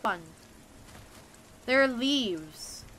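A woman's voice: a little high, lively intonation, very slow, fairly bright tone, a little hiss or hum. A woman streaming a game live, chatting casually and sarcastically, swearing now and then and rambling.

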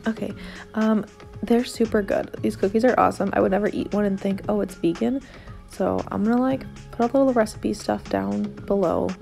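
Filming on her phone at home, moving from the living room couch to the kitchen, a young adult woman rambles through a baking vlog in an upbeat, casual way with lots of side comments. Her medium-pitched voice sounds gravelly and mellow.

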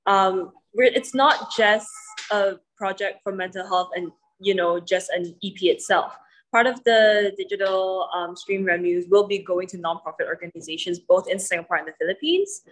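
A woman's voice: medium pitch, normal speed, a bit bright, poor audio. A young woman with a mid-range voice speaks into a handheld mic at an indoor press panel. She is articulate and informative, often using "you know" to keep her points moving. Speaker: singer at press conference. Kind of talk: press conference answer.

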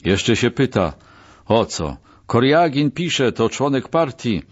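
A man voicing a furious, bullying male camp commandant who shouts abuse. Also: medium pitch, very animated, slow, lo-fi sound, pitched above the performer's own voice. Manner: shouting, abusive.

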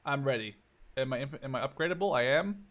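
The audio is dull, but this man's mid-range voice comes through quick-paced with lively intonation. In his twenties, a Dutch gaming video host living in Canada, he's doing casual, sweary voiceover commentary on gameplay indoors.

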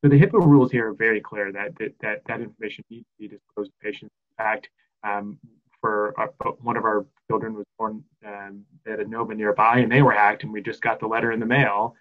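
A man's voice: fairly low pitch, steady tone, brisk. A man speaking as a panelist on a video call from a small room, hesitant and often repeating words. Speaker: health tech expert panelist. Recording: dull lo-fi audio.

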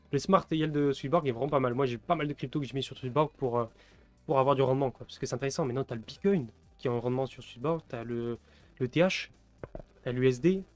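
A man in his twenties from France, rambling through casual live-stream commentary, laughing often and answering chat. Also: mid-range voice. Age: 20s.

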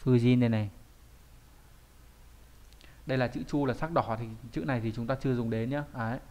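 A man's voice: medium pitch, a little fast, darkish tone. A man with a mid-range voice teaches kanji in a recorded online lesson. He talks in a loose, chatty way and keeps throwing in rhetorical questions and little tag questions.

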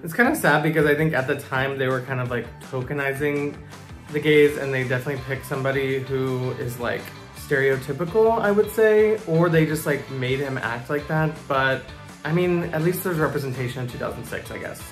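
A young man hosting a casual reaction video, chatty and amused, quick to laugh. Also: medium pitch, echoey room, faint music behind. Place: small home studio with plants.

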